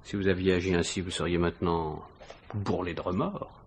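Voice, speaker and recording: In a 1950s-style French radio mystery, an actor voices a police inspector who probes with irony, sounding falsely casual yet insistent as he asks hesitant, insinuating questions. His male voice is low and slightly rough, delivered briskly in a steady tone.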